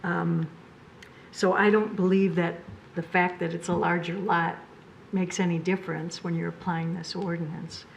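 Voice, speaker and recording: A woman on a city zoning board giving her view in discussion, measured and deliberate, citing the master plan. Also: on the low side, level tone, vocal fry, a little hiss or hum, rough recording.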